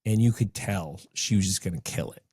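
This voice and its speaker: Podcast host dude, low mellow voice, super dry mic, easygoing. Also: male voice, a little fast, breathy edge, no room sound. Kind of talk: casual interview chat.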